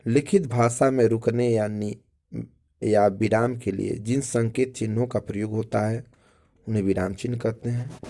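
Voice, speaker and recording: A man with a warm, mid-range voice teaches children a school grammar lesson, explaining step by step, repeating phrases and checking in with the class.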